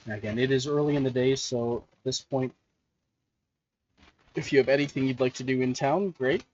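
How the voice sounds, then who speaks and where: A man running a tabletop game as game master, talking in a relaxed, conversational way with frequent restarts. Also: mid-range voice, normal speed, no room sound, lo-fi sound. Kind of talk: narrating a tabletop game over voice chat.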